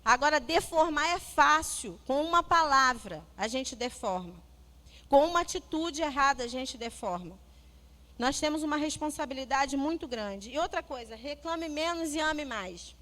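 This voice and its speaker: A middle-aged Brazilian woman, a psychologist, giving a lively church talk on parenting and acting out family dialogue as she tells stories. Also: high-pitched, moderate pace. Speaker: guest speaker, psychologist.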